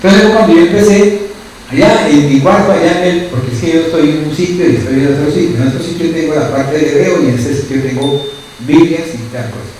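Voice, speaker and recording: A man's voice: a little high, fairly quick, a little mellow, very echoey, recorded from a distance, a little hiss or hum, low-quality recording. A man preaching a sermon as pastor, who keeps asking his listeners short questions. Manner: asks the congregation constant questions.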